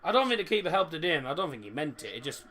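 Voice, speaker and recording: A man's voice: fairly high pitch, big pitch swings, rapid-fire, pushed and bright. A man giving live fan commentary on football as a streamer, pronouncing his r sounds as w. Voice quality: cannot pronounce R's, says w for r. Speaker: football watchalong streamer, Manchester United fan.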